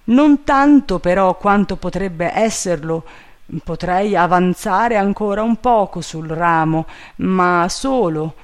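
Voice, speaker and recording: A man doing a fretful, squeaky male servant. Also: lively intonation, slow pace. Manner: fretful, loud and high. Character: timid, bumbling male servant up a tree.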